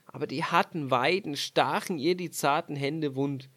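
A man narrating a fairy tale aloud in a measured, expressive storytelling voice. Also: fairly high pitch.

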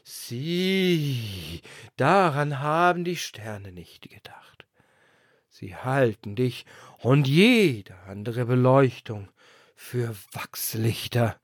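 A man voicing a blustering wind spirit in a storybook reading, speaking loud and drawn out, in a very dry recording. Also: mid-range voice, animated, extremely slow, no room sound. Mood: admonishing.

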